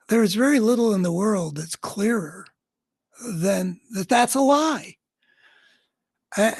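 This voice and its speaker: A man's voice: sits high, husky. A man hosting a radio show, giving an earnest political commentary monologue and thinking aloud in long, winding sentences.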